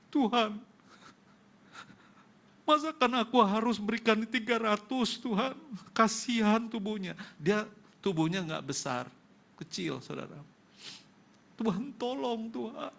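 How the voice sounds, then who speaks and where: Brief: male pastor, Indonesian accent, gravelly, fairly high voice, emotional testimony preaching. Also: fairly bright tone. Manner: emotional storytelling, acting out dialogue. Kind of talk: testimony sermon. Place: church.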